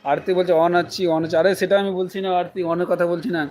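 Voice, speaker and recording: A man's voice: high-pitched, level tone, fairly quick, a little mellow, a little hiss or hum. A man hosting a casual live stream on his phone, reading viewers' comments aloud and answering them with teasing remarks.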